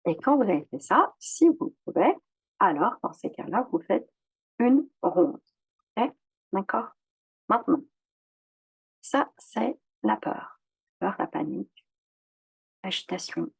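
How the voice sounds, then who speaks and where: A woman coach guiding listeners through a tapping routine, calmly repeating short phrases as she demonstrates. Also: medium pitch, slow pace, pauses often, dry recording, low-quality recording. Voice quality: gravelly, husky. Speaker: EFT coach. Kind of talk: instructional demonstration.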